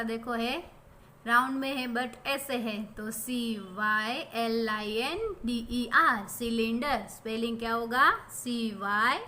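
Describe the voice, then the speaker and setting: A woman teacher with an Indian English accent, giving a primary school lesson slowly and patiently, spelling words out letter by letter and asking the class questions. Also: on the high side, sharp tone, slight background noise.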